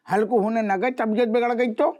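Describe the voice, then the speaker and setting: Bumbling constable. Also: male voice, very high-pitched, fairly even intonation, a little fast, background noise. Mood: comic. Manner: rustic, cajoling, comic. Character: bumbling rustic police constable man. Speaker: police constable. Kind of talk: sitcom acting.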